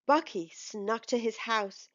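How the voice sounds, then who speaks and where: As a storytime host, a woman with a slightly high voice reads a children's storybook aloud in a measured, expressive way. The audio sounds dull.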